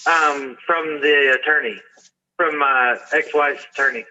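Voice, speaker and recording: Man on a bright, muffled speakerphone. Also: a little high, steady tone, measured pace, a little hiss or hum. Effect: heard over a speakerphone. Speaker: party calling into a court hearing. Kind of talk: casual phone talk. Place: at work outdoors.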